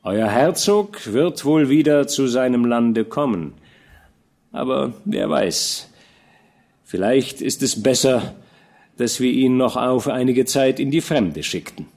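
A man's voice: medium pitch, lively intonation, takes it slowly, gravelly, a little mellow, full character voice. A man reading as a fatherly old war commander. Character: veteran male army commander, fatherly and kind. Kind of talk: audiobook character reading.

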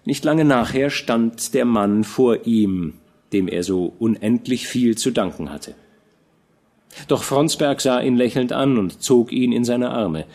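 A man narrating a classic novel as an audiobook in an expressive, measured storytelling manner. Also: medium pitch. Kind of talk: scripted literary narration.

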